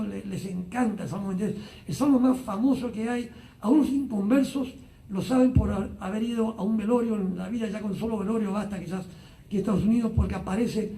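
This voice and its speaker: A man teaching a Bible study as pastor, unhurried, with frequent "ah" fillers and tag questions. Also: sits high, mellow, roomy sound, recorded from a distance. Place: church Bible study streamed live online.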